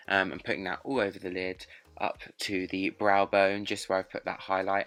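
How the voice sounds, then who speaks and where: A young male drag performer and makeup vlogger with a sore throat chats his way through a step-by-step makeup tutorial. His voice sits low with a sharp tone.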